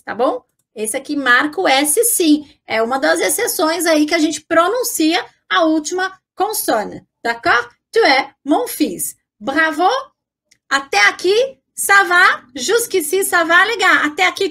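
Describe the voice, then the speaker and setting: A Brazilian woman teaching an online French lesson with a high, bouncing voice that rises and falls a lot. She speaks in an unhurried way, drawing out each French phrase so the viewer can repeat it, and keeps cheering the viewer on. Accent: Brazilian Portuguese. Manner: lively, encouraging, slowly models French phrases.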